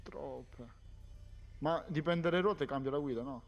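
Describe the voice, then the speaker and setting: A man's voice: fairly high pitch, brisk, faint music behind. A man chatting informally in a game, thinking aloud as he goes. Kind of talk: casual gaming chat.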